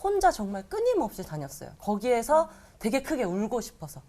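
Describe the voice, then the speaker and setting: A woman's voice: fairly high pitch, a little fast. A woman comedian sharing a personal testimony, telling it vividly and acting out the voices of the people in it. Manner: animated storytelling, acting out quoted voices.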